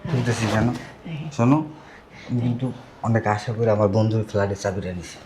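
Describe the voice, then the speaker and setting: A man's voice: fairly low pitch, steady tone, a little fast, noisy background, lightly acted. A man playing a pushy, selfish young fiancé, insistent and dismissive. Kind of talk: amateur short-film acting.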